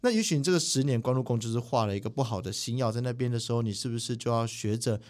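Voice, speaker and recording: A man, a spiritual teacher telling stories as a guest in a studio interview, animated and quick to mimic others. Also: medium pitch. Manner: animated, quick, mimics people mid-story. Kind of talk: casual interview storytelling. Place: podcast recording studio.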